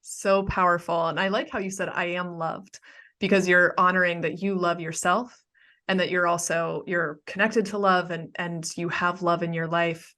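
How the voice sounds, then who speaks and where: A woman's voice: fairly low pitch, little pitch movement, moderate pace, sharp tone. Affirming woman podcast host. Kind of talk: casual podcast conversation.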